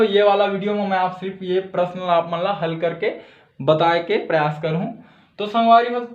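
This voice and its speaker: A man with a Chhattisgarhi accent teaching a school math lesson, patient and steady, checking in often with short asides to his students. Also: high voice. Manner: patient, repeats "theek hai" often. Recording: echoey room, dull lo-fi sound.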